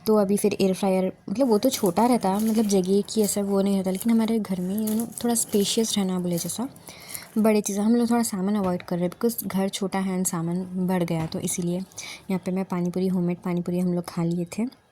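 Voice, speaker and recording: A young woman talks through her vlog in a relaxed, rambling voice-over, easily slipping English words into her speech. Her voice is mellow and soft-edged, and there is a faint hum of room ambience behind her. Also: medium pitch, brisk. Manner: chatty, rambling, mixes English words into Hindi. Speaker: vlogger. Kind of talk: casual voice-over narration of a day vlog.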